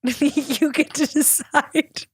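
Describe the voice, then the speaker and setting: A woman's voice: sits high, steady tone, drawn-out words, dry recording. A young woman hosting a casual solo podcast, telling a story in a rambling way, full of fillers and laughter. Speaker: podcast host.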